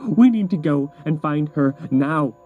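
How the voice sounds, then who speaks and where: Blunt, impatient cartoon pony mare, played by a male reader, pitched up and swinging. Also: expressive, a little slow, phone-quality sound, faint music behind. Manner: snappish, blunt. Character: brash impatient young female pegasus pony.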